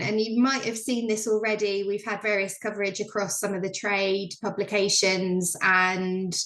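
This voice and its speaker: A woman's voice: medium pitch, roomy sound, poor audio. A woman giving a chatty, filler-heavy business update on a video call. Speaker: presenter on a member call.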